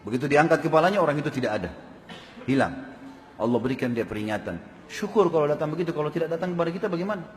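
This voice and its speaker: A male preacher delivers a sermon in a voice that sits a little high for a man, telling stories in a lively way. He fires questions at his listeners, and his words ring out with long hall reverb. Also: racing. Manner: animated storytelling with questions to the crowd.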